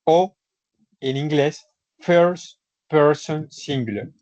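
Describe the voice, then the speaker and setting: Slow, patient man teaching online. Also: a little high, darkish tone, dry recording. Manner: patient, repetitive step-by-step explaining. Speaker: English instructor. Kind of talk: online class lecture. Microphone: computer microphone in a video session. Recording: slightly muffled online session audio.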